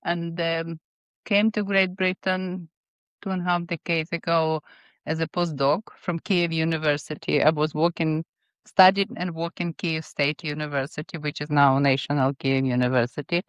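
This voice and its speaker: A woman in her fifties whose first language is Ukrainian, answering interview questions with many pauses and fillers. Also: sits low, fairly even intonation, smooth, no echo. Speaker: guest scientist. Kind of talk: interview answers, recounting career.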